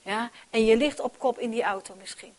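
A woman preaching a sermon with earnest conviction. She moves between soft near-whispers and loud emphatic calls, and repeats words as she restarts. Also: a little high, fairly quick.

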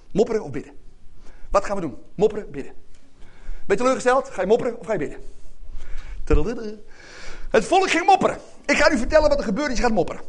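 A man preaching a lively sermon, calling out to the congregation for amens. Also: sits high. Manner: animated, calls out to congregation for amens.

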